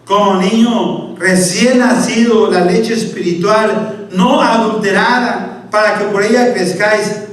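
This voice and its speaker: A man's voice: high-pitched, fairly even intonation, slow pace. A man preaching a sermon as pastor, reading scripture and constantly calling out to his listeners as brother. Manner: repeatedly addresses listeners as "hermano"; reads scripture and asks the congregation "¿sí o no? Amén". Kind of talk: Baptist sermon. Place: church sanctuary. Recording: very echoey church, mic at a distance.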